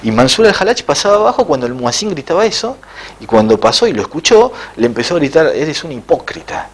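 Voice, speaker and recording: Husky-voiced man telling a spiritual tale. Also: a little high, big pitch swings. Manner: halting, with frequent "eh" fillers. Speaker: interviewed author. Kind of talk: spiritual storytelling in an interview.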